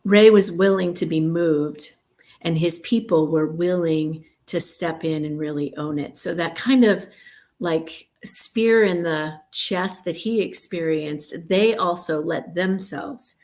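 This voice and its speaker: A woman's voice: fairly low pitch, a little mellow. A woman co-hosting an interview over a video call, reflecting on the story and promoting her event with enthusiasm. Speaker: co-host. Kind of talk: casual interview chat.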